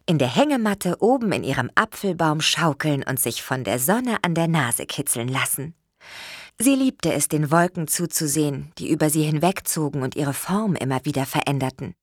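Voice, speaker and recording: Ausdrucksvolle Märchen-Vorleserin. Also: female voice, low voice, moderate pace, no room sound, clean studio sound. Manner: gentle, expressive reading. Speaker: narrator. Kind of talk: children's storybook reading.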